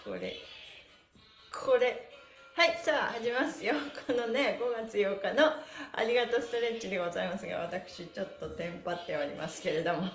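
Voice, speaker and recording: A middle-aged woman, a mime instructor, hosts a livestreamed stretching lesson in a cheerful, chatty way, counting in a sing-song tone. Her mid-range voice runs a little fast. She is in a small, bare indoor room, where the sound is echoey and music plays.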